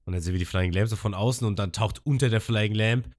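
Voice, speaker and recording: A man's voice: fairly low pitch, quick pace. A man hosting a podcast, casually retelling an episode and breaking into characters' lines with a raised voice. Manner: lively storyteller, quotes characters in a raised voice. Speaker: podcast host recapping episodes.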